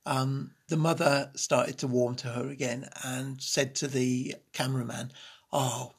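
A man's voice: medium pitch, flat delivery, unhurried, vocal fry, breathy edge. A man co-hosting a podcast, using dry, teasing banter. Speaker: podcast co-host. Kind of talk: casual chat.

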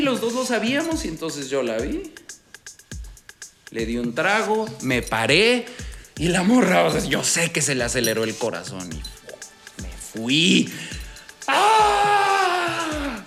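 Un hombre joven con acento mexicano cuenta una historia de ligue en tono casual y lleno de jerga, hablándole al oyente como a un compa. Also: male voice, fairly high pitch, fairly bright tone. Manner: slangy, streetwise, addresses listener as buddy. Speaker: dating advice host. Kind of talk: casual storytelling monologue.

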